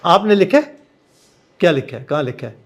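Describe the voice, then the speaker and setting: A man with a Pakistani accent coaching a class in a noticeably high voice. He gives encouraging feedback and slips English phrases into his Hindi-Urdu. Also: very animated, brisk. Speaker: trainer.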